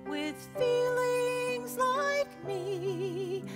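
Middle-aged female church soloist, tender and very slow, high soprano over loud music. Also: expressive. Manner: slow, tender singing over piano accompaniment. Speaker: minister of music. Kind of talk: sung gospel solo. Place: large church sanctuary.

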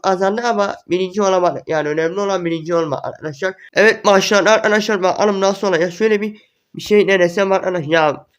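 A young man giving excited gameplay commentary, repeating words in quick bursts as the match unfolds. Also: high-pitched. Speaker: gaming YouTuber.

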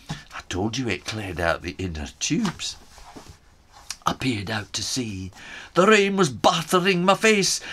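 A crafty, chatty Scottish islander spins his yarn in a put-on Scottish accent, as a man puts him on. His storybook voice swoops high and low with plenty of sly relish. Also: heavily acted. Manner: lively, sly first-person storytelling. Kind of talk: storytime reading in character.

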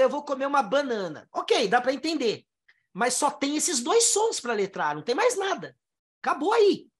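A woman's voice: a little high, a bit bright. A Brazilian-born teacher explaining English pronunciation to her students, drawing out syllables one by one and asking them rhetorical questions. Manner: explains step by step, sounding out syllables slowly; asks the listener rhetorical questions. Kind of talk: classroom lesson explaining pronunciation.

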